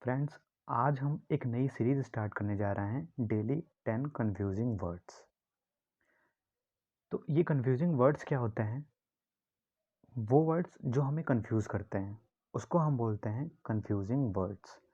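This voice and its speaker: A man's voice: medium pitch, normal speed, dark tone, highs cut off. A man teaching vocabulary in a classroom style, asking his own questions and repeating key words to explain them. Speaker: English teacher.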